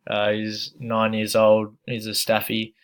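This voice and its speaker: A man's voice: lowish voice, unhurried, clear, resonant tone. A young man from Australia with an Australian accent, giving a casual, hesitant self-introduction full of fillers. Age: young adult. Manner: relaxed, hesitant with many fillers. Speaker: student.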